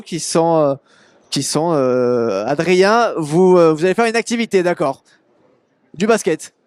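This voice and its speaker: A man's voice: fairly high pitch, darkish tone, smooth, no echo. A man hosting a live show from the studio, upbeat and teasing his reporter. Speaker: studio host.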